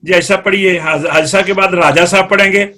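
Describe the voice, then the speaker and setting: Bright high-voiced Urdu tajweed teacher. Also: male voice, steady tone. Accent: Pakistani Urdu. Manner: explanatory, quizzes students by name. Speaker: Quran recitation teacher. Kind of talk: live online class teaching.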